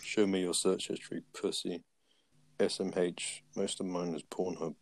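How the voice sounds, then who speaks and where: British teen boy, deep for his age, laid-back mumbly chat on a voice call, dry sound. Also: flat delivery, normal speed, vocal fry, dry recording. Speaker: friend on a voice call. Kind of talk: casual chat. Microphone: online voice call.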